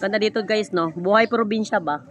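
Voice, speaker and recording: A woman's voice: medium pitch, fairly quick. A middle-aged woman with a Filipino accent, chatting casually to viewers while filming a rural yard on her phone, laughing often. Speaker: vlogger. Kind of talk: casual vlog walkthrough.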